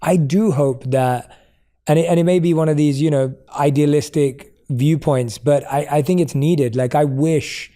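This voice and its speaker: A man's voice: on the high side, fairly even intonation, normal speed, warm tone. A man hosting a podcast interview, speaking earnestly and affirming his guest. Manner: earnest, affirming, rounds off with thanks. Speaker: podcast host. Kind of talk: casual interview conversation.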